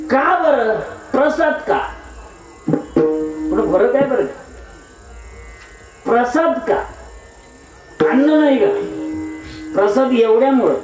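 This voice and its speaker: A man preaching a devotional kirtan sermon, posing rhetorical questions and answering them himself with wordplay. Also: very high voice. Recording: echoey hall, mic at a distance, music behind.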